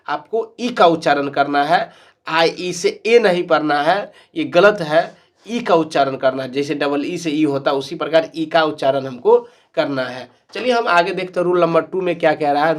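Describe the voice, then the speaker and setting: Man teaching spelling, slow and repetitive. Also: fairly high pitch. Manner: asks rhetorical questions and answers them, spells letters out slowly; calls viewers "my dear friends". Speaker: English teacher. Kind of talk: online spelling lesson.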